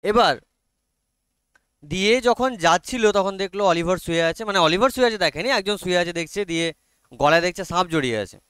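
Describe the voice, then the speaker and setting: A man's voice: sits high, a bit bright, clear, resonant tone, dry recording. A man with a Bengali accent teaching an online class, explaining a story in chatty Bengali laced with English and Hindi, often checking in with his students. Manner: reads English text aloud very slowly.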